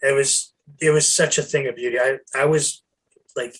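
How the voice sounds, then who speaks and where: A man's voice: medium pitch, breathy edge, rough recording. A man co-hosting a sports podcast, talking casually with frequent restarts and swearing. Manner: animated, swearing, halting restarts. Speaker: podcast co-host.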